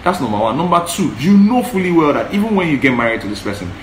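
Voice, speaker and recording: Talking fast with big pitch swings in a rather high voice, this Yoruba-accented co-host in his thirties earnestly and emphatically repeats his points during a casual advice chat. The living-room recording is echoey with a faint hiss.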